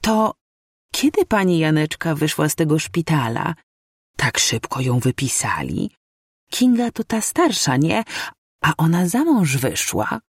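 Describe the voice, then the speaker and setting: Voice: medium pitch, very animated, a little slow, slightly rough, no room sound, clean studio sound, full character voice. A reader voicing a nosy elderly neighbour woman who chatters eagerly and pries. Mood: gossiping.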